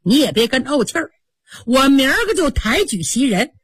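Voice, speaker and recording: A woman's voice: high-pitched, big pitch swings, moderate pace, breathy edge, dry recording, pitched above the performer's own voice, exaggerated voice. A woman voicing a hot-tempered pampered young nobleman in a storybook tale, curt and scolding.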